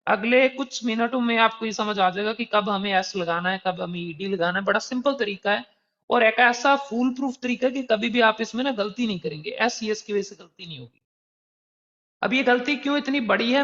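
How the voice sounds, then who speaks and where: A man's voice: sits high, sharp tone. A man teaching an exam preparation lesson, explaining patiently and conversationally with worked examples. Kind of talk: recorded online lesson. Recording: dull, slightly lo-fi recording.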